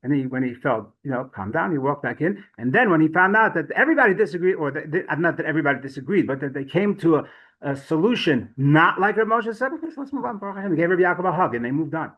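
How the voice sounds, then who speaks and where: A man with a fairly high voice teaches a Torah class through stories. He talks in a chatty, conversational way, often restarting his sentences. His pitch rises and falls in a lively way. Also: fast, muffled recording. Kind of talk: storytelling Torah lesson.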